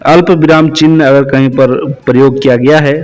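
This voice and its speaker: Hindi grammar teacher, slow stressed examples. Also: male voice, mid-range voice, steady tone, a little mellow, rough recording. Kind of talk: explanatory lesson.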